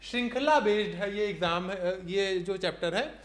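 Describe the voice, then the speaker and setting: A man gives an online reasoning lesson. His voice sits high and he explains each step slowly and clearly. The recording has an echoey, roomy sound. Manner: explains step by step, counting aloud, fillers like "theek hai". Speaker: reasoning teacher. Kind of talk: online exam-prep lecture.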